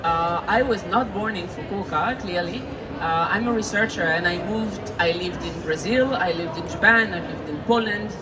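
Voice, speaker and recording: A woman's voice: mid-range voice, normal speed, a crowd in the background. A woman from France, a researcher, introducing herself on a conference panel in a plain-spoken way. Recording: distant mic in a noisy event hall.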